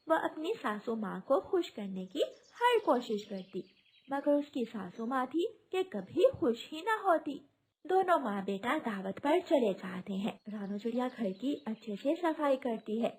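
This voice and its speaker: Expressive woman narrating a cartoon. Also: a little high, husky. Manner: expressive, melodramatic. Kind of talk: scripted storybook narration.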